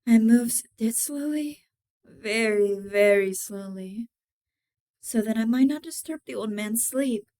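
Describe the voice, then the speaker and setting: A woman reading a gothic horror tale as its mad, cunning, obsessive murderer, deliberate and theatrical, moving between hushed and emphatic delivery with a smooth voice. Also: a little high. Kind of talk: dramatic horror story reading.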